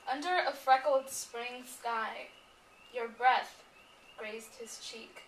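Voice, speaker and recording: A woman with a fairly high, steady voice speaks slowly and solemnly, reciting poems to an audience at a memorial gathering. The recording is roomy and distant, with some background noise.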